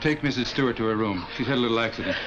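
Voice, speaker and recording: An actor playing a proud, protective mining lawyer and husband who speaks with impassioned tenderness. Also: male voice, mid-range voice, very fast, natural voice. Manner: impassioned, tender toward his wife. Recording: dull 1950s TV soundtrack with music.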